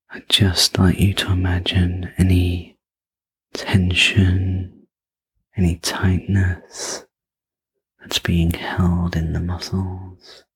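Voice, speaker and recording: ASMR role-play, sleep story narrator, husky and breathy, extremely slow, gentle soothing guidance. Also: low voice, rough recording. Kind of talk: ASMR role-play, guided sleep relaxation with rune pebbles.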